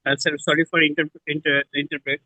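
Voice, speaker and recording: A man asks his teacher a question in class, halting and full of fillers. His voice is bright and a little high. The sound is close and dry. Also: flat delivery, dry recording, low-quality recording. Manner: hesitant, halting, many fillers. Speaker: student.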